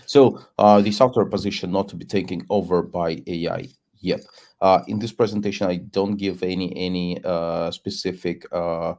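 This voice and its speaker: Low-voiced man presenting a tech talk. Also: fairly even intonation, darkish tone. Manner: measured, repeats words while thinking. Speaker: guest speaker, solution architect. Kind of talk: webinar presentation.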